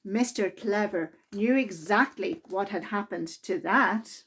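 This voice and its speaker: Her voice is husky and medium in pitch as she reads a picture book aloud at storytime. Each line comes out carefully and expressively, shaped for young children.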